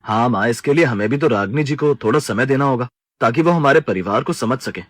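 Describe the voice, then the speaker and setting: A man voicing a mild, polite young husband in a cartoon story. His pitch is mid-range and he asks things gently. The recording is dry. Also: expressive, a little fast, dry recording, close to an everyday voice. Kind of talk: animated story voice acting.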